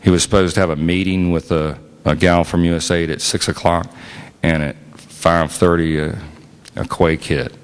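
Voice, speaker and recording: Low-voiced man, casual storytelling speaker, plain talk with lots of ums. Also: level tone, moderate pace, clear, resonant tone, big-room sound. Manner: plainspoken, casual, with frequent fillers. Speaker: invited speaker and musician.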